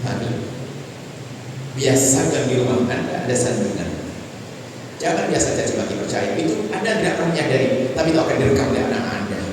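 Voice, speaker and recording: A man preaching a lively sermon in a large mosque, teasing and acting out short dialogues. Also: medium pitch, fairly quick, pauses often. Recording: echoey hall from far off with room noise.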